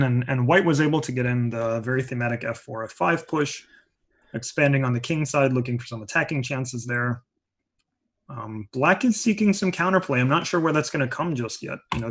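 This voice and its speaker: A man giving live chess commentary in a chatty way, explaining moves with many asides. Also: medium pitch.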